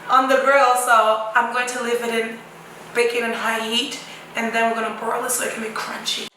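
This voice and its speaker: A woman's voice: a little high, little pitch movement, normal speed, noisy background. A young woman from Nigeria hosting a casual cooking tutorial in her home kitchen, playful and brash, her voice partly gone. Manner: playful, brash, swears jokingly. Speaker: cooking vlogger. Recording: very echoey kitchen.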